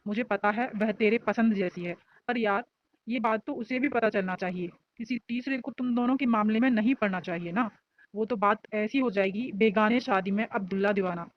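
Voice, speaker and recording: A woman's voice: medium pitch, moderate pace, slight background noise, close to an everyday voice. A joking, nosy young college guy ribbing his friend, as a woman reads him in an audio story. His voice sits mid-range and sounds a little dull and lo-fi. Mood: teasing. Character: teasing young male college student.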